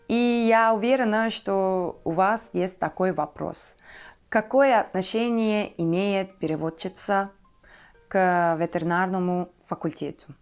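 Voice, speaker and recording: A Turkish woman in her twenties, a native Turkish speaker with a Turkish accent, tells her viewers about herself as a vlogger. She speaks in careful, slightly halting phrases at a medium pitch.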